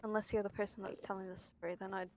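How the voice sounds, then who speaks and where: A woman's voice: mid-range voice, little pitch movement, fast, a little mellow, a little hiss or hum. A young British woman with a lisp that slushes her s sounds, chatting casually while streaming a game in a rambling, sweary, exclamatory way. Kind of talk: casual chat while gaming.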